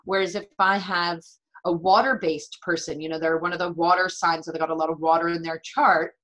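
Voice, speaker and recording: A woman's voice: fairly low pitch, level tone, fairly quick, fairly bright tone, poor audio. A woman explaining her practice in a conversational interview, earnest and fond of repeating words for emphasis. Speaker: interview guest, natural medicine practitioner and medical astrologer.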